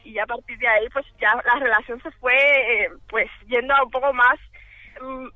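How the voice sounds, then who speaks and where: Phoning in to radio, a woman from the Dominican Republic shares a personal story in an informal, giggly way. She speaks on the high side at a moderate pace with fairly even intonation, and the tinny telephone sound carries no echo.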